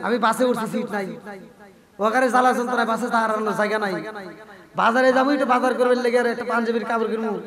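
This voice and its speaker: A man with a very high voice delivers a lively sermon at a gathering, acting out little dialogues and pressing listeners for agreement. At times he slips into sung chanting. A crowd is clearly heard behind him. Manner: jokey, acts out quoted dialogue, breaks into sung chanting; keeps prodding the crowd for agreement. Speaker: preacher. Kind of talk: Bengali waz sermon.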